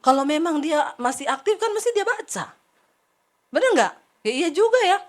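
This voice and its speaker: A middle-aged woman preaching a sermon, telling a personal story with lively acted-out dialogue and asides to the congregation. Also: very high voice, moderate pace.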